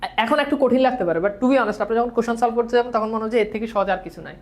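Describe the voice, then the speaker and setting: A woman's voice: on the high side, rapid-fire, a little mellow. A woman teaching grammar in a classroom lecture, leading students in call-and-repeat drills, mixing English words into her speech, and correcting herself patiently.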